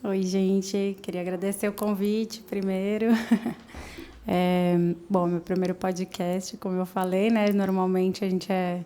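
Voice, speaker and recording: A marketing professional from São Paulo, Brazil, in her late thirties, chats as a podcast guest in a casual interview, with a São Paulo Brazilian Portuguese accent. Her mid-range voice has a dark tone and flat, unhurried delivery, and she laughs often and trails off with fillers.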